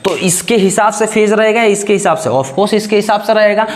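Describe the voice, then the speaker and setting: A man gives a chemistry class lecture in a higher-than-usual voice. He keeps asking questions and answers each one himself in a steady pattern. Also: normal speed. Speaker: chemistry teacher.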